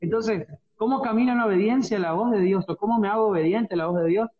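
A man's voice: high-pitched, fast. A man with a Rioplatense Spanish accent co-hosting a devotional radio talk, preachy and repeating phrases for emphasis. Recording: dull radio audio with roomy echo.

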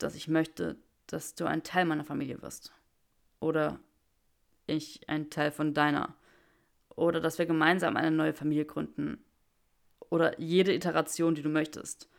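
A nervous young wizard who halts and stammers over his words, as a woman reading a fan story plays him. The voice is pitched a little low, gravelly and rough at the edges. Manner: halting, stammering.

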